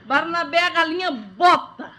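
A woman's voice: very high-pitched, animated, a little slow. A woman acting as a comedian's partner, giving teasing straight replies in a recorded comedy sketch. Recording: old vinyl record with loud guitar behind.

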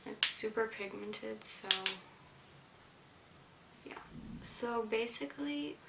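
A woman's voice: fairly high pitch, slow, creaky. A young woman talking informally as a beauty vlogger in a casual chit-chat makeup tutorial, often trailing off. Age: young adult. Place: indoor room, plain wall. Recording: roomy echo, faint hiss.

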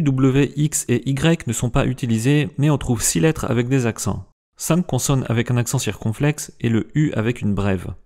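A man with a mellow, warm voice narrates a language lesson in a lively scripted way. He slows right down to sound out example words one syllable at a time. His pitch sits in an ordinary middle range. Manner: lively explainer, slows to spell out pronunciations. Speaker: language video host.

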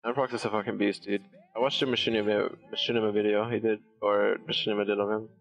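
A man's voice: lowish voice, flat delivery, quick pace. A young man talking casually through a video game, joking and swearing. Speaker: gamer. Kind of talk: casual gaming chat. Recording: dull lo-fi stream audio.

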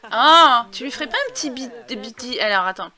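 A woman chats her way through a game, her voice bright and a touch high. She thinks aloud with plenty of fillers and hesitations, and now and then reads the on-screen quest text aloud. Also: animated, brisk. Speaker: let's play gamer. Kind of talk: casual gameplay commentary.

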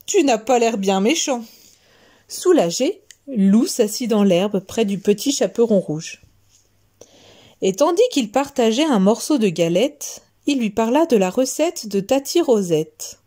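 Slow gentle woman storyteller. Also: a little high, animated. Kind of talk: children's story reading.

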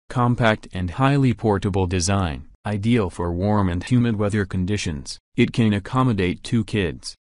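A man narrating a scripted product review in a flat, even reading voice. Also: on the low side, no room sound, studio quality. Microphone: voice-over.

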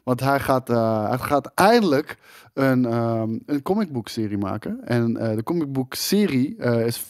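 A man's voice: medium pitch, a little slow, no echo. Jokey Dutch man, dry studio sound. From Netherlands. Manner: lively, jokey, stumbles and restarts. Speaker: podcast co-host. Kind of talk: casual podcast chat. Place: studio at a table.

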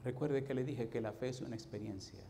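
A middle-aged man preaching a sermon as pastor, animated and swinging from soft to loud. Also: mid-range voice, a little fast, vocal fry, slight background noise.

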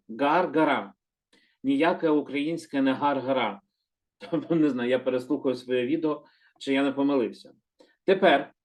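A man gives a gentle, unhurried lesson and explains each word with patience. He often slows down to repeat terms and corrects his own slips. His voice sits a little higher than most men's. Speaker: Hebrew teacher. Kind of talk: calm slow explanatory lesson.

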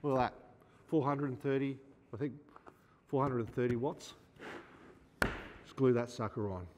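At normal speed and in a mid-range voice, a fifty-something Australian outdoor gear store presenter chats casually while demonstrating gear hands-on. The large indoor showroom gives it a big-hall sound, and the recording is muffled with background noise.

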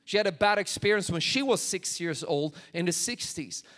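A man's voice: high voice, animated, moderate pace, a bit bright. A man in his forties from Sweden, preaching a sermon on a large church stage into a handheld microphone, acting out prayers and quotes with rising intensity. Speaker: pastor.

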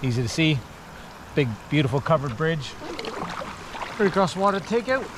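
A man casually narrating a kayaking trip from his boat on a river, talking in a relaxed, offhand way with plenty of fillers. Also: fairly high pitch. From Canada. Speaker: kayaking vlogger. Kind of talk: casual narration while paddling. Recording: loud water noise outdoors. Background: rushing water and rain.

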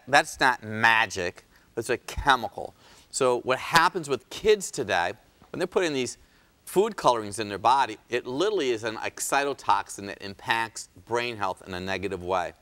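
A man's voice: mid-range voice, fairly bright tone. A man hosting a health talk show as a chiropractor, speaking emphatically, pleading with viewers and dropping sarcastic asides.

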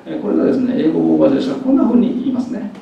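A man's voice: fairly high pitch, very fast, gravelly, muffled recording, slight background noise. Guy giving a jokey lecture, acting out sounds, super echoey hall, mic kinda far off. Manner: jokey, animated, demonstrates pronunciations aloud. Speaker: university lecturer. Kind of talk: faculty development lecture.

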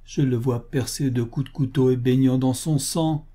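A man's voice: medium pitch, steady tone, moderate pace, warm tone, close to an everyday voice. A man voicing Louisa, a weeping young bride. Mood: distraught. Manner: tearful, trembling, pleading. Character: grief-stricken young woman, sobbing bride. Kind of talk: audiobook character reading.

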